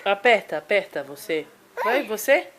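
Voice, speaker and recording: A woman's voice: medium pitch, big pitch swings, measured pace, fairly bright tone, soft background music. A woman filming her baby at home on a handheld phone, coaxing him in repetitive, sing-song baby talk. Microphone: handheld phone camera.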